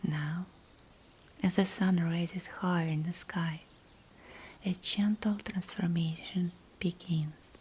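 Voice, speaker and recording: A meditation guide leads a scripted guided visualization in a soft, breathy whisper, very slow and soothing. Her lowish voice is dark and mellow, with fairly even intonation and hushed, spaced-out phrases, over faint nature ambience and slight background noise.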